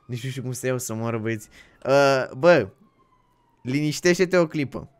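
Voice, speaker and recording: A man playing in a game roleplay, pleading in a panic and shouting the same pleas again and again. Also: mid-range voice, smooth. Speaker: roleplay streamer. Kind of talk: casual game roleplay chat.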